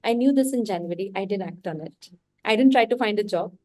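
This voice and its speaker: She talks briskly, her medium-pitched voice warm, as a podcast guest from India with an Indian English accent. In casual interview conversation she reflects candidly, working through her thoughts. The recording is dry.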